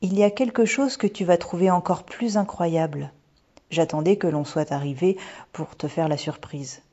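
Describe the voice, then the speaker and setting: A woman voicing a gentle mother who speaks in a teasing, mysterious way. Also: fairly low pitch, normal speed, husky. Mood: playful. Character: gentle playful mother with a secret. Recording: dull lo-fi recording.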